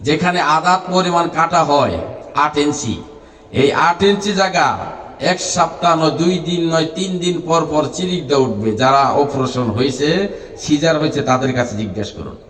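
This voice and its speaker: A man's voice: a little high, normal speed, fairly bright tone. A man preaching a sermon, chanting his lines and breaking into melodic sung passages. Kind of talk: Bangla waz sermon. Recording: echoey hall, voice from far off.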